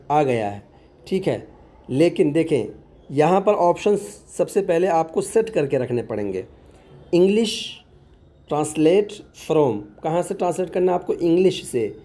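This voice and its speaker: A man's voice: fairly high pitch, expressive, moderate pace, mellow. A man working as an online tutor, patiently explaining a phone app step by step in a tutorial voice-over and repeating words as he goes.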